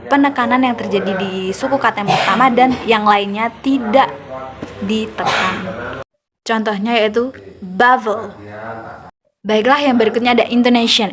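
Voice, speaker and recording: A young woman, a student, reading a class presentation aloud in a careful, measured way, slowing down to say her examples. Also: a little high.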